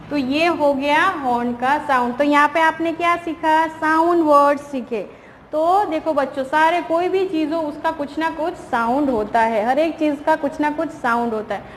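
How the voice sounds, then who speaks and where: In this recorded online class for small children, a woman primary teacher speaks high and patiently, posing her own questions and then answering them. English lines are read slowly, followed by explanations in Hindi, all in an echoey room with a little background noise.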